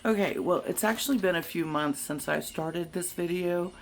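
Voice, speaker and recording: Outdoors near a home, a vlogger who has lost their voice to illness chats casually, showing off an old find and thinking out loud. The hoarse voice is medium-pitched at a normal speed. The recording is rough, with slight background noise.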